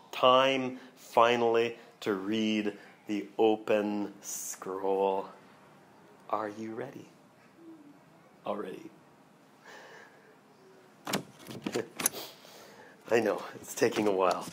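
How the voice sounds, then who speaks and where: A man, a pastor, preaching a sermon and reading scripture aloud with slow, dramatic emphasis. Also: mid-range voice, a little hiss or hum. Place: church hall.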